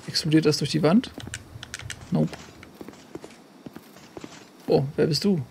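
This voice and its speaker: A man's voice: fairly high pitch, slow pace, vocal fry, darkish tone, slight background noise. A man giving casual gameplay commentary as a let's play host, chatty and jokey, talking to himself and the game.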